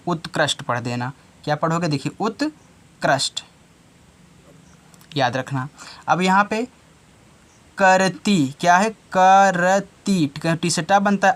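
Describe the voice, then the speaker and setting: A man teaching a reading lesson to children, spelling words out letter by letter and repeating each word several times. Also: on the high side. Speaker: online tutor.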